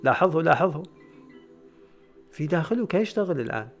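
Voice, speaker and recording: A man's voice: expressive, fairly quick, faint music behind. Man lecturing in repetitive rising and falling bursts. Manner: repetitive, chanting phrases over and over; swings between loud raised bursts and low soft murmurs. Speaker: spiritual lecturer. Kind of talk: metaphysics lecture to a camera.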